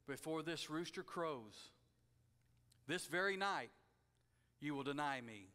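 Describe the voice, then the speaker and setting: A preacher quoting a low, quiet Jesus. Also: male voice, animated, takes it slowly, heavily acted. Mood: grave. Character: Jesus, a calm man giving a grave warning. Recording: long hall reverb.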